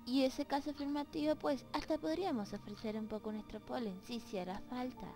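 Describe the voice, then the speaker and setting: Playing a game at home with dogs nearby, a woman voices its lines in goofy voices and bantres playfully with the characters. She talks briskly in a high, steady voice, with music in the background.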